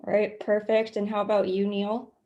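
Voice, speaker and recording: A woman's voice: mid-range voice, monotone, mellow, dull audio, slight background noise. A young woman from Canada, a student co-host asking questions casually with lots of ums. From Calgary, Canada. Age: young adult. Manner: friendly, filler-heavy, quick asides. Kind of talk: casual interview hosting.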